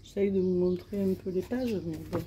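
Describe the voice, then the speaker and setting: A woman chats slowly through a crafting haul, pausing often to search for words. Her voice sits a little low and sounds very dark and mellow. A faint outdoor hum runs behind her phone recording. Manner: chatty, hesitant, many fillers. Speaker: crafting vlogger. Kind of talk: casual show-and-tell haul. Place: outdoors in sunshine.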